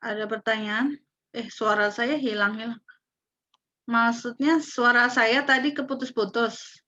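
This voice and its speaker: A woman lecturer talks to her students in an online class, pausing often on fillers. Her bright voice comes through a dull, lo-fi call line that keeps breaking up and dropping out. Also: a little high, fairly even intonation. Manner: hesitant, with frequent fillers. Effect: choppy, breaking-up call audio. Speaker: university lecturer. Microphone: video call.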